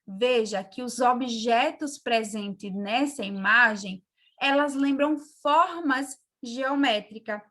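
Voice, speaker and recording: Woman teacher, slightly high voice, slow calm explaining, checks in often. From Brazil. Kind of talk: remote class lesson.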